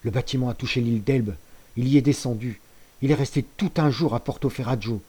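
A man voicing a sly, scheming male ship's accountant who answers in a smooth, guarded, persuasive way in a storybook reading. His voice is lifted a little above his narrating tone. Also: medium pitch, fairly quick, dark tone, lightly acted.

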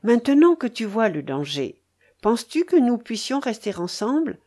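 A woman's voice: a little high, very animated, normal speed, mellow. A woman reading a grave, sorrowful young man. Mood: pleading.

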